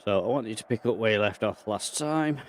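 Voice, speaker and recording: A man's voice: fairly low pitch, brisk, slight background noise. A man, out of breath, casually commentating over a football management game and thinking aloud as the match plays out. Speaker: video game player and channel host.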